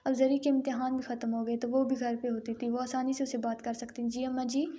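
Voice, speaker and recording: A woman reads a romance novel aloud in a steady, even storytelling manner. Her voice is high but fairly flat, with a mellow, unforced tone. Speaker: audiobook narrator.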